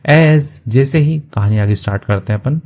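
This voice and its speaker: A man teaching English through a story, reading each English phrase slowly and then explaining it quickly in Hindi. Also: medium pitch, darkish tone. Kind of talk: line-by-line story translation lesson.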